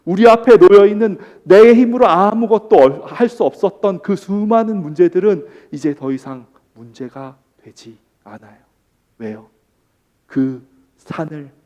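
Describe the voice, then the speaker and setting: A man preaching a sermon as pastor, who moves between hushed, slow emphasis and loud, impassioned pleading. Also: on the high side.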